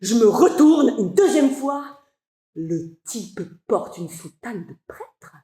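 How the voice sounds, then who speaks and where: An actress voices a frazzled young woman of nearly thirty, rushing and breathless, her rhythmic delivery breaking into sudden outbursts. Her voice sits high and bright. A roomy hall echo hangs around every line of this live stage reading. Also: very animated. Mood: frantic. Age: 20s. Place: stage at a theatre festival.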